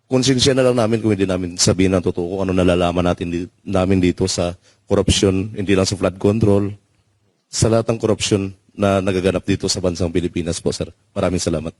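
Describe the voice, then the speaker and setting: Deep voiced ex-soldier, earnest, says sir a lot, dry mic. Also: male voice, a little mellow, no room sound. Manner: earnest, deferential, peppers speech with sir. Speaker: former soldier speaking out.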